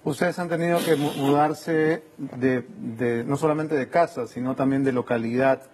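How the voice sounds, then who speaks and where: A man interviewing a guest on local television, asking measured, formal questions. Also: medium pitch, a little mellow, a little hiss or hum. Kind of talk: news interview.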